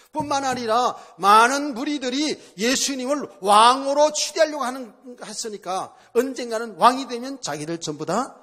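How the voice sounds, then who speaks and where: A man's voice: sits high, fairly bright tone. A male pastor preaching a sermon at a church service, in a conversational style, asking the congregation rhetorical questions and repeating phrases for emphasis.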